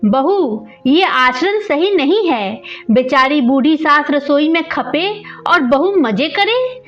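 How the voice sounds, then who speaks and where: Storybook figure: a sharp-tongued, meddling neighbor aunt read by a woman, high voice, slow, dull lo-fi sound. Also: expressive. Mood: reproachful. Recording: dull lo-fi audio with faint music.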